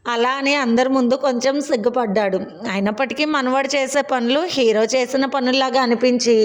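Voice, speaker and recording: A woman reading a serialized family story in a steady, plain storytelling voice. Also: sits high.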